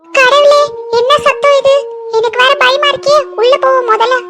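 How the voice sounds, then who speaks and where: A woman doing a squeaky fretful cartoon housewife. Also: fairly even intonation, normal speed, a bit bright. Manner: high-pitched, fretful, whiny lamenting. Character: fussy, nervous middle-aged housewife. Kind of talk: cartoon voice acting.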